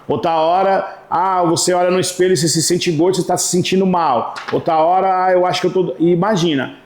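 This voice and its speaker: A man hosting a podcast, asking questions in relaxed, slangy chat. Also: sits high, a little fast, echoey room, a little hiss or hum. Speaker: podcast host. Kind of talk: casual podcast interview.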